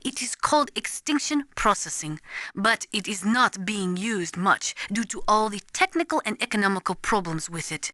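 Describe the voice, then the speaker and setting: A woman with a bright, forceful, expressive medium-pitched voice speaks at normal speed, voicing a serious, knowledgeable nuclear weapons analyst in a video game. Her scripted expository dialogue is formal, precise, and lecturing in a serious, explanatory mood. The recording is dry and studio quality.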